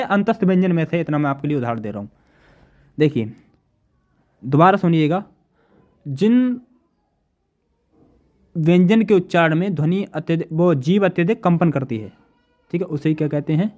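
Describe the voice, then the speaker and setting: A male teacher giving a classroom lecture, repeating definitions slowly and asking his students questions. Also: on the high side, a little mellow.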